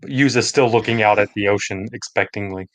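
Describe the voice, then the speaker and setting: A man's voice: on the low side, brisk, a bit bright. A man playing a tabletop game, casually narrating what his character does. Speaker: player.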